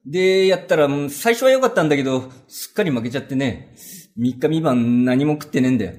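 A man's voice: medium pitch, animated, quick pace, darkish tone, lightly acted. A man playing a broke male carpenter who gambles, talking in casual, coaxing street speech in a rakugo story. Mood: weary.

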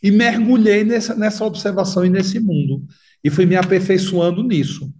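A man's voice: high voice, moderate pace, dark tone, distant mic. A man with a Paraíba Northeast Brazilian accent telling his life story in a casual interview, acting out the voices of the people he quotes.

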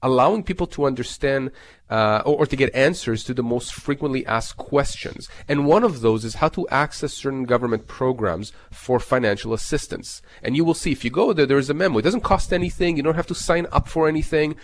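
A man's voice: mid-range voice, fairly quick. A man giving explanatory legal advice as an expert on a talk show, stressing and restating his key points.

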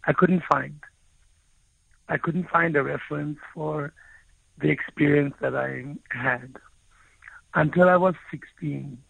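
A South African guest author, Afrikaans by first language, reflects earnestly on his own story, restarting phrases often as he gropes for words. His fairly high, creaky voice is fairly even, slow, and broken by long pauses. The tinny phone-like recording has no room sound.

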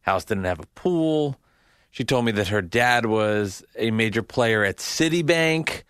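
A man's voice: fairly low pitch, animated, unhurried, fairly bright tone, clean tone, no echo, clean studio sound. A man, the show's executive producer, chatting casually with wry joking asides. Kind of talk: casual studio chat. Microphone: studio mic.

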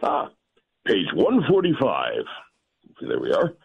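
A man playing a jolly old Santa Claus as a guest on a morning radio show, chuckling and fatherly as he gently scolds the children. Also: low voice, wildly swooping pitch, slow pace, vocal fry, slight background noise, exaggerated voice. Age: older. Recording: phone line.

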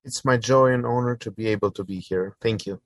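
An Albanian man in his forties, a church planter appearing as an interview guest, earnestly tells his story in English, with fillers and restarts. His mid-range voice moves a little fast. The recording is clean studio sound with no echo.

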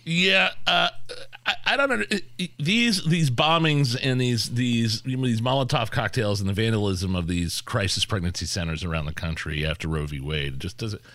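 A man's voice: mid-range voice, moderate pace, pushed and bright, no room sound. A man co-hosting a talk show, giving opinions conversationally and acting out little rhetorical exchanges.

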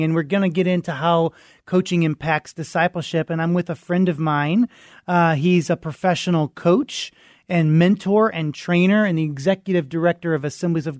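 Male radio host, higher voice, encouraging interviewer, dry close studio sound. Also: dry recording.

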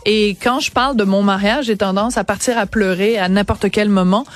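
A woman's voice: medium pitch, fairly even intonation, fairly quick, dry recording. Effusive Québécois woman radio host, dry close studio sound. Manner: chatty, effusive, personal asides. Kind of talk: radio interview.

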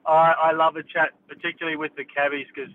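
A man's voice: a little high, little pitch movement, quick pace. A man calling in to radio, cheeky and joking. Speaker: caller. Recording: tinny phone line.

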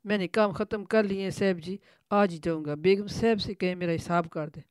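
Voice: mid-range voice, fairly even intonation, smooth, dry recording, clean studio sound, natural voice. A storyteller voicing a blunt, stubborn male servant who speaks in broken grammar.

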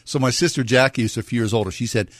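A man's voice: medium pitch, very fast, dry recording, clean studio sound. A man co-hosting a radio talk show, telling stories in casual, playful banter.

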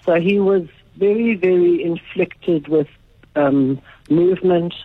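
A woman calling in to a radio show over a phone line, telling her story in an earnest, unhurried way with some hesitations. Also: on the low side, fairly even intonation, breathy edge, no echo. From South Africa. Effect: heard over a phone line. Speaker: radio caller. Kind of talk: call-in phone conversation. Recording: tinny narrowband phone line.

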